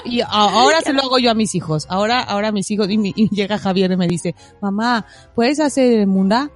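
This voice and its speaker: Animated woman telling stories. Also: mid-range voice, fast, faint music behind. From Mexico. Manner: animated storyteller, laughs often. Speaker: podcast co-host. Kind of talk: casual podcast chat.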